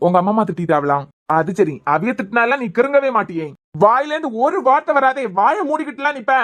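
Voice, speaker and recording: A woman's voice: a little high, close to an everyday voice. A woman voicing a blunt, joking young husband in a cartoon, with a Kanyakumari Tamil accent and a teasing, mocking way of asking questions.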